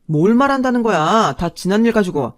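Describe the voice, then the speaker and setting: A defensive ex-husband who keeps making excuses in a fairly low voice. A woman puts him on for a narrated audio story, self-justifying and wheedling. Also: expressive, normal speed, a little mellow. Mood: affronted. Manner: indignant then wheedling. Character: defensive, pleading adult ex-husband.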